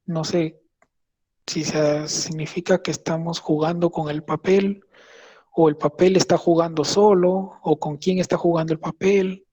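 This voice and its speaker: Young guy teaching a class, husky voice, patient, keeps checking ppl follow. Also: a little high, fairly even intonation, unhurried, mellow, muffled recording. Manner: explains patiently, checks in with listeners often. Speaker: medical intern presenting. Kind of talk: conversational lecture.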